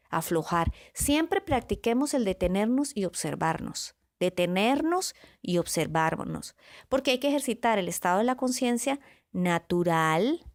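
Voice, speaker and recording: Calm, reflective woman speaker. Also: mid-range voice. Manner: calm, unhurried, lists words one by one with pauses; often checks in with the listener with a soft question tag. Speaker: motivational speaker on self-awareness. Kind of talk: reflective podcast talk to listeners.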